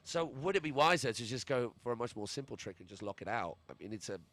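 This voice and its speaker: A man's voice: mid-range voice, expressive, quick pace, fairly bright tone. Chatty English man commentating live sport. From England. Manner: chatty, colloquial, jokey.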